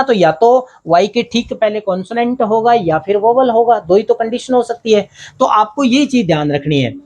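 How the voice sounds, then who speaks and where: A man with an Indian accent teaching English grammar at a board, asking questions and answering them himself, step by step. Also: high-pitched. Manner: explains step by step, asks and answers his own questions. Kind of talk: blackboard grammar lesson.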